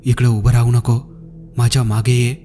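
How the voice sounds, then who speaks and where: A man voicing a calm, stern village night watchman who gives curt commands. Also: medium pitch, moderate pace, faint music behind, natural voice. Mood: calm firm.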